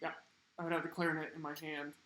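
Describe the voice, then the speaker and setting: A man's voice: a little high, level tone, racing, echoey room, rough recording. A man hosting a live-streamed trivia game, reading out questions with playful emphasis. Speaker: trivia host.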